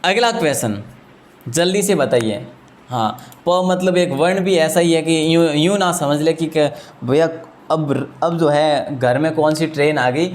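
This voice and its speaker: Chatty high-voiced Hindi teacher. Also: male voice, a little slow, a little hiss or hum. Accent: Rajasthani Hindi. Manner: chatty and joking, often addresses students as friends. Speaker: Hindi exam-prep teacher. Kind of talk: live online exam-prep class.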